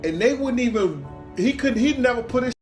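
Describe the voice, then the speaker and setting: Male guest, high-pitched, slangy, amused anecdote. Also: animated, a little fast, over music. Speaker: guest telling a story. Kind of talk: casual storytelling.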